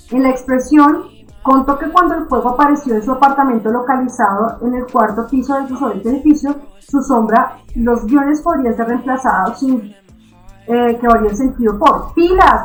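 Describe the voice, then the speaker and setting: A woman teaching an online reading lesson, constantly checking understanding with quick questions. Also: high-pitched, roomy sound, rough recording.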